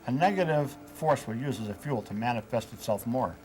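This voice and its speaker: A man being interviewed as a paranormal investigator, telling events in a measured way with hesitant fillers. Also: medium pitch, expressive, a little mellow, a little hiss or hum, poor audio. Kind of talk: interview storytelling.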